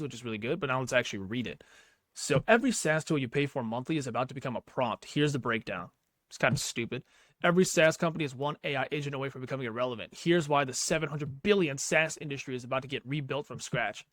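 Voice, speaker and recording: Here a man with a medium-pitched, fairly bright voice and no echo hosts a tech YouTube video. Of Pakistani background, he offers loose, unscripted commentary over screen footage, full of slang and spoken reactions.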